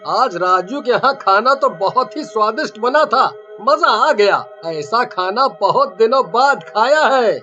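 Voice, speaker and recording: A woman's voice: a little high, animated, unhurried, hardly any pauses, sharp tone, muffled recording, faint music behind, pitched above the performer's own voice. A woman voicing a greedy, grumpy village husband in a cartoon story who stammers when scared. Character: hungry grumpy village husband, timid around the witch.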